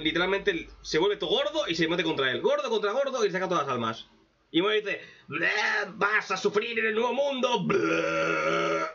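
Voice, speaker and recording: A man giving a sarcastic, profane anime commentary rant, with mocking asides and sudden loud outbursts. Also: high voice. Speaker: anime reaction youtuber. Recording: dull lo-fi mic.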